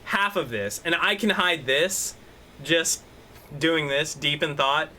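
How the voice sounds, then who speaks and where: A man's voice: fairly high pitch, slow, pushed and bright, a little hiss or hum. A man co-hosting a casual podcast, ranting with lots of swearing and demonstrating what he means as he talks. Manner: profane, rambling, demonstrative. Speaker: podcast co-host. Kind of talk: casual chat. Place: room at home. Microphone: desk microphone.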